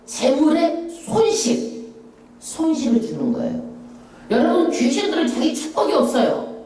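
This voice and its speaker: A woman's voice: a little slow, noisy background. A middle-aged woman pastor preaching a Bible-study sermon, stressing her points with rhetorical questions. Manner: emphatic, rhetorical questions, lively swoops in pitch. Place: church sanctuary. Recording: echoey church hall, voice from a distance.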